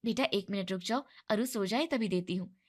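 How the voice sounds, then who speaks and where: A woman's voice: medium pitch, moderate pace, natural voice. A woman voicing a tired, put-upon young wife who sounds weary and resentful, in a storybook narration.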